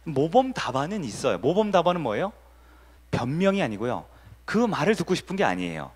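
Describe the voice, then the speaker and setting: A man's voice: a little high, sing-song, fairly quick, breathy edge. A male pastor preaching a sermon in a conversational style and asking the congregation questions. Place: church sanctuary. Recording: reverberant church hall.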